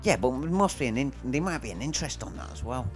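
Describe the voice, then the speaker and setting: A man's voice: mid-range voice, very animated, quick pace, soft background music. A man co-hosting a podcast in casual chat, easygoing and chiming in with quips and agreement. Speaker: podcast co-host.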